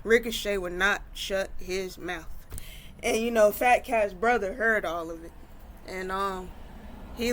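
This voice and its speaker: A woman's voice: medium pitch, sharp tone, slight background noise. A woman telling a story casually, rambling along with many fillers and restarts.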